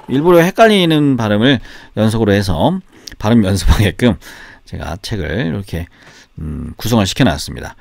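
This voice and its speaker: A man who speaks Korean as his first language, teaching English pronunciation by repeating each word slowly and drilling it aloud. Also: lowish voice, creaky, no room sound.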